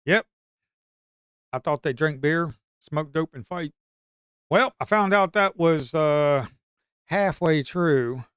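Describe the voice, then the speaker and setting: A middle-aged man with a Southern Appalachian drawl chats on a live trading stream, slipping into long, crude, folksy stories. His voice is smooth and resonant, a bit high for a man. The sound is dry and close, with no room echo. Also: slow, long pauses, fairly bright tone. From Blue Ridge Mountains, US. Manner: rambling storyteller, folksy and crude, bursts into hollers. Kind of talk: casual live-stream chat.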